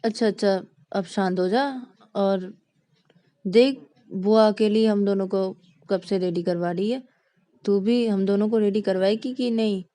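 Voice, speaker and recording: Calm, caring young woman, coaxing and mellow, voiced by a woman. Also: mid-range voice, a little slow, close to an everyday voice. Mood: soothing. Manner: soothing, coaxing.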